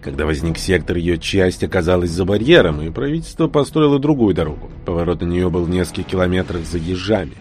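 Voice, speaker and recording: A man's voice: low voice, big pitch swings, fast, few pauses, a little mellow. A man reading an audiobook in scripted narration, doing all the characters himself.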